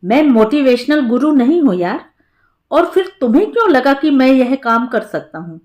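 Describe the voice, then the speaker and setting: एक महिला कथावाचिका द्वारा निभाया गया एक हँसमुख, चिढ़ाने वाला वयस्क पुरुष, पुराने कॉलेज का दोस्त, जो बेफ़िक्र और मज़ाकिया अंदाज़ में बात करता है। कहानी के पाठ जैसी सहज, बोलचाल वाली delivery.. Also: female voice, high-pitched, sing-song, normal speed, a little mellow. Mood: friendly, teasing. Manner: joking, easygoing. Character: cheerful teasing grown man, old college friend. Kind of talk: storybook narration.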